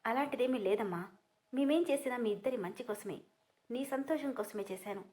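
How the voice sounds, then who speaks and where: A remorseful father speaks softly and soothingly to his upset daughter in a storybook, read by a woman narrator. His tone is calm, apologetic and steady. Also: on the high side, brisk, natural voice. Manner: gentle, soothing.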